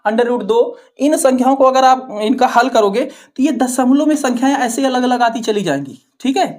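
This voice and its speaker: A woman's voice: high voice, expressive, moderate pace, darkish tone. A woman with a Hindi accent from Uttar Pradesh teaching maths. She asks questions, answers them herself and keeps checking with "ठीक है". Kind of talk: classroom-style explanation to students.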